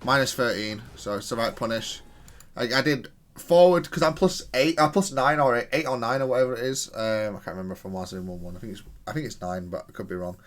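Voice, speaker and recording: With a mid-range voice at a fairly quick pace, a man who plays video games and makes content reviews his own play in casual commentary. He thinks aloud analytically, catching and fixing his own statements.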